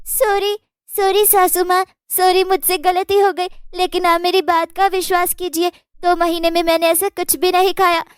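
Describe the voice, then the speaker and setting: A woman's voice: extremely high pitch, steady tone, moderate pace, no room sound, studio quality. A woman voicing a sweet young daughter-in-law who pleads and apologizes. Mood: pleading.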